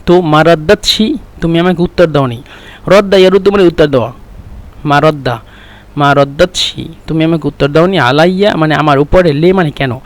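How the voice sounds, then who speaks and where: Man teaching a lesson, kinda high voice, talks casual, repeats words slow for practice. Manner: explains patiently, repeats phrases slowly to drill pronunciation; conversational, chatty teaching tone. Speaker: Arabic language teacher.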